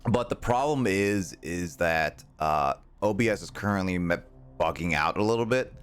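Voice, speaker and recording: A man's voice: deep voice, animated, moderate pace, clean tone. A young man giving casual live gameplay commentary, rambling and hesitant as he thinks aloud. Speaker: video game streamer. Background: game music.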